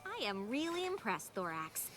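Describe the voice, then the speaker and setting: A woman's voice: a little high, big pitch swings, normal speed, over loud music. A woman voicing a level-headed young female pony in a cartoon, patient and sensible. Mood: friendly. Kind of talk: cartoon voice acting.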